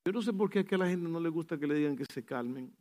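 A male pastor preaching a sermon, animated, acting out little scenes, swinging between soft, slow asides and loud bursts, and dropping in English phrases. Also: fairly high pitch.

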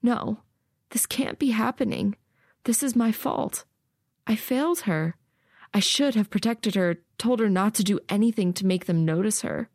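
A woman's voice: mid-range voice, lively intonation, moderate pace, hardly any pauses, mellow, dry recording, clean studio sound, voice pushed up. A woman narrator voicing a desperate young woman recruit who pleads in a strained voice. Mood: distraught.

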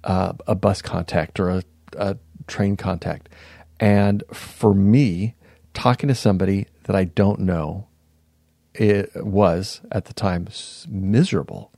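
A man in his fifties, a podcast guest, reflectively recounting his past in a casual interview, pausing and restarting sentences. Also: low-pitched, creaky, mellow, dry recording, studio quality. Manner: reflective, unhurried, often pauses and restarts mid-sentence.

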